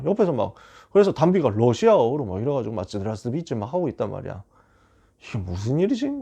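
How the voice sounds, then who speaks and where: A man preaching a sermon to high school students as their youth pastor, telling joking stories and making emphatic calls. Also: gravelly. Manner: animated, joking storyteller.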